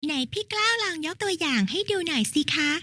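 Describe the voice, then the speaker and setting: A high, bright little schoolgirl from a children's lesson cartoon, put on by a woman, asking eager, polite questions. The sound is close and dry, with no room around it. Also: lively intonation, quick pace, no room sound, full character voice. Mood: curious. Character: young schoolgirl, curious little sister. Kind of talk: educational cartoon dialogue.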